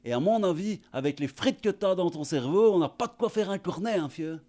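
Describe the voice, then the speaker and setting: A man's voice: high-pitched, expressive, a little fast, darkish tone, voice pushed up. A man putting on an exaggerated Belgian accent to play a crude, jokey Belgian man. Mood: mocking.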